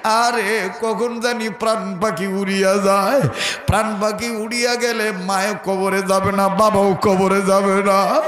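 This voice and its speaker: Chanting high-voiced male preacher, echoey. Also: flat delivery, unhurried. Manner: chanting, swinging between sung wails and loud cries. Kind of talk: Bengali waz sermon. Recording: echoey outdoor hall with music.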